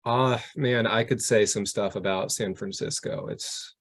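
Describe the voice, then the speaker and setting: A man co-hosting a podcast, relaxed in casual chat and quick to agree. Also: lowish voice. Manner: easygoing, frequent short agreements. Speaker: podcast co-host.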